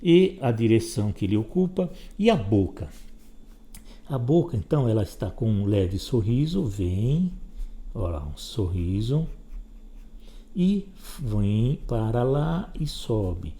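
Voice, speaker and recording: A man's voice: on the low side, very animated, slow, dark tone. A man teaching a step-by-step drawing lesson, giving patient instructions while he sketches.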